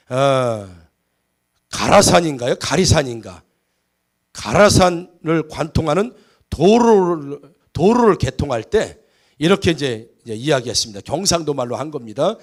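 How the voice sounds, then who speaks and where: A middle-aged male pastor preaching a Sunday sermon, animated and storytelling, lightening it with humorous anecdotes. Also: on the high side. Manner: animated storytelling, mimics voices in jokes. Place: church sanctuary.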